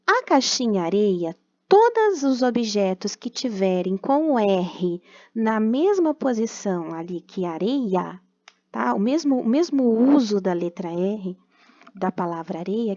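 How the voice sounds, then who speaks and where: A young Brazilian woman teaching a primary class remotely, patiently explaining and slowly sounding out words. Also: mid-range voice, dark tone, no echo. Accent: Brazilian Portuguese. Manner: patient and explanatory, tags phrases with "tá?". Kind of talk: recorded remote class lesson. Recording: dull, dry computer recording.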